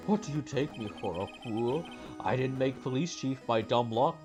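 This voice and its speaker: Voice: mid-range voice, moderate pace, over music, close to an everyday voice. A person voicing a scheming, smug old male police chief with an old man voice, in a video game read-aloud. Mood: smug, calculating. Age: older.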